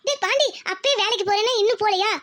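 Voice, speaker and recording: A woman's voice: extremely high pitch, fast talker, fairly bright tone, dry recording, clean studio sound. A woman voicing an indulgent, fussing village mother in a cartoon, scolding her son fondly. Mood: indulgent, fussy. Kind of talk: Tamil cartoon voice acting.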